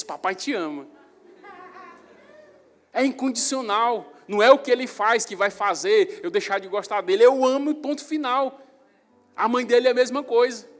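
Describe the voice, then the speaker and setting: A young man, a pastor with a Northeastern Brazilian accent, preaching a sermon in a church hall with animated storytelling that rises loud on emphasis. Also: high-pitched. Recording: reverberant church hall with faint music.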